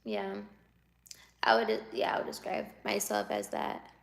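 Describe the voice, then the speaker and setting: A woman in her twenties reads viewer comments aloud on a livestream, teasing and laughing as she answers in casual live chat. Her mid-range voice is gravelly and very animated, though she speaks at an unhurried pace.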